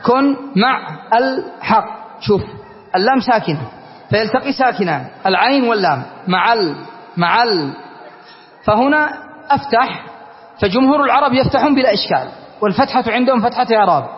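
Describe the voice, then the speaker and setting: High-voiced male scholar in a reverberant hall. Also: big pitch swings, quick pace, pauses often. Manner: patient, explanatory, often checks if students follow. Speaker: Islamic scholar teaching grammar. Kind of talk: classroom lesson explaining a classical grammar poem. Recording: reverberant hall, dull lo-fi recording.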